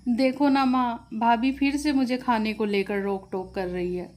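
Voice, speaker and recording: A woman's voice: on the high side, fairly even intonation, measured pace, darkish tone, lightly acted. A woman voicing a food-obsessed young girl. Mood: eager. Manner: eager, pleading and whiny about food. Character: greedy teenage girl always hungry.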